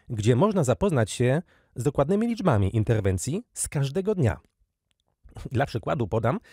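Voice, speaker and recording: A man's voice: medium pitch, no room sound, clean studio sound. A man in his thirties from Poland, giving a prepared, lecture-style podcast talk and addressing the listeners directly. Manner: measured, addresses listeners directly, lively intonation. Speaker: university lecturer, podcast guest.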